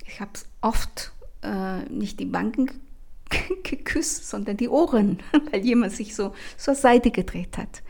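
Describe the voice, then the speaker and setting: Breathy, gravelly woman podcasting. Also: mid-range voice, expressive, slow, darkish tone. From Chile. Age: 50s. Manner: enthusiastic, chatty storytelling with many fillers. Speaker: language teacher and podcast host. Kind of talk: casual podcast monologue.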